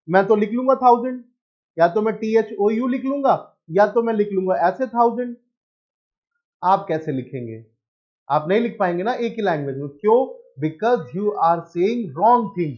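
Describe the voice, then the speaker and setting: High-voiced man teaching online. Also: muffled recording. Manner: questioning, answers his own questions in students' voice; mixes English phrases into explanation. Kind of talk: online exam-prep lesson.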